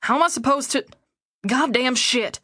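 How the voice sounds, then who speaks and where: A woman voicing a brash, excitable teenage boy who swears loudly, in an audiobook. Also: sits high, normal speed, no echo, studio quality. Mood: outraged. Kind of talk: audiobook character voice.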